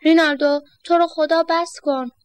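A woman's voice: high-pitched, fairly even intonation, no echo, pitched above the performer's own voice, close to an everyday voice. A woman voicing a fretful middle-aged aunt who keeps pleading and fainting, in a storybook reading. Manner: pleading, anxious.

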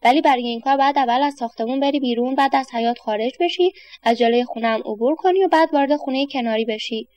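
A woman's voice: sits high, darkish tone, no room sound, lightly acted. A woman voicing a kindly grown man with a walking stick who questions a boy and then encourages him.

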